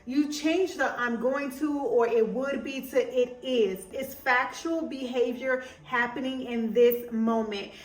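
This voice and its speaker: A woman's voice: fairly high pitch, fairly even intonation, measured pace, few pauses, reverberant, recorded from a distance. A young woman hosting a podcast, talking in a chatty, emphatic way with many asides and a country twang that comes and goes. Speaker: podcast host. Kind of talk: casual motivational monologue.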